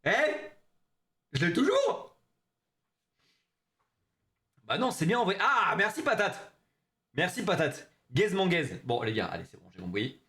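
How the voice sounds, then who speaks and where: Lively, slangy young man streaming. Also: sits high, moderate pace. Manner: slangy, joking, talks straight to chat. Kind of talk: casual live-stream chat with viewers.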